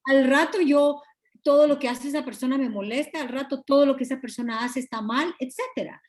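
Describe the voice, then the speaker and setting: A woman, a pastor's wife, teaching a Bible study over a video call with a Guatemalan Spanish accent, earnest and confiding, often clearing her throat. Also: high voice, a little fast. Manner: earnest, confiding, acts out quoted dialogue.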